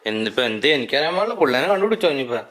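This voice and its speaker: A man's voice: mid-range voice, very animated, very fast, crowd noise. A man with a Malayali accent in a playful family prank chat, acting worried and repeating himself. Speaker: vlogger father.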